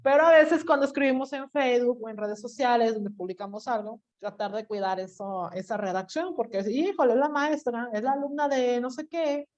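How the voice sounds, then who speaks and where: A woman's voice: fairly high pitch, fairly quick, few pauses, darkish tone, highs cut off. A woman teaching a class, chatty and teasing, often checking in with her students with questions. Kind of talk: online class lecture.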